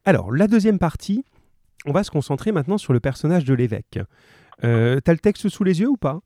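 A man runs a class live on the radio, joking with the pupils who call in and trailing off into fillers and restarts as he explains. His voice is mellow and relaxed, recorded dry and close on a studio microphone. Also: a little high, brisk, dry recording. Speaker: teacher. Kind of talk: remote class on radio, casual and encouraging.

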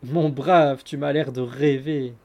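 A man's voice: mid-range voice, fairly even intonation, slow, darkish tone. A man voicing a sleepy, irritated maidservant who scolds and mocks a visitor. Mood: scolding. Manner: scolding, mocking. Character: sleepy, irritated woman servant.

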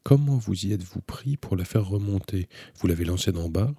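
A man voicing a polite young woman who calls out loudly from far above, asking questions. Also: sits low, lively intonation, a little fast, vocal fry, slightly rough, dry recording, studio quality, full character voice. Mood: questioning. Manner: raised, calling out from far above.

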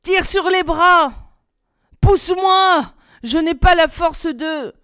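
Woman doing a bossy, high-pitched young girl. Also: unhurried, clean tone, close to an everyday voice. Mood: impatient. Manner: sharp, urgent, scolding. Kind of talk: storybook reading.

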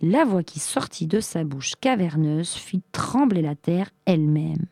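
A woman narrates a fairy tale in a calm, even manner. Her voice sits a little low and sounds mellow. The recording is dry and close. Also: a little slow, dry recording. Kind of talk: storybook narration.

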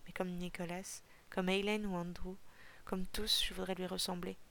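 Woman doing a calm kind peacemaker guy, flat gravelly storybook voice. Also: lowish voice, normal speed. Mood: warm. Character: kind peacemaking eldest young man.

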